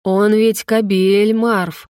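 A woman's voice: mid-range voice, flat delivery, drawn-out words, a little mellow, dry recording, studio quality. A woman reading an audiobook voices a brash young man who talks crudely and mockingly.

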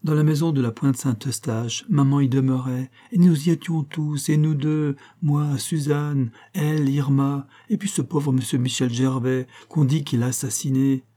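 A man's voice: mid-range voice, fairly even intonation, normal speed, few pauses, dark tone, voice pushed up, close to an everyday voice. A man voicing a small, sweet-voiced young woman who speaks earnestly and with emphasis in an audiobook. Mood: pleading insistent.

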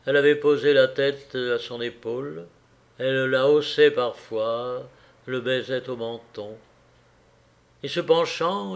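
Slow, solemn male audiobook reader. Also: medium pitch. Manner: measured, solemn delivery with long pauses. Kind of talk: literary narration.

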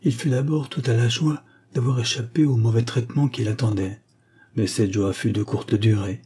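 A man reading a short story aloud as an audiobook narrator, in a measured and expressive way. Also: medium pitch, slightly rough. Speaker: audiobook reader.

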